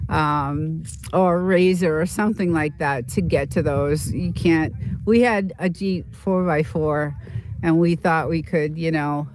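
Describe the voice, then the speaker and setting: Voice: mid-range voice, fairly even intonation, slow pace, darkish tone. Chatty rambling streamer from Boston. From Boston, United States. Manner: rambling, chatty, storytelling with many fillers. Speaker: livestream host. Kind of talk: casual chat with viewers.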